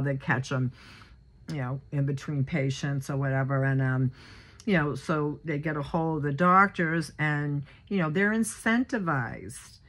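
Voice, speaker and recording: Woman, 60s, low voice; rambling casual vlogger, heavy on fillers. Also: a bit bright. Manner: rambling, many fillers and restarts. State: a little choked up. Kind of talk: casual personal monologue.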